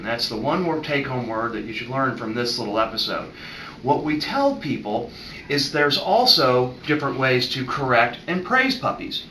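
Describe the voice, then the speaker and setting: A middle-aged man, a veterinarian, calmly explaining puppy training in an instructional video. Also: mid-range voice, recorded from a distance. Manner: calm, friendly explaining, demonstrating tones of voice to a puppy. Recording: echoey room with faint ambient noise.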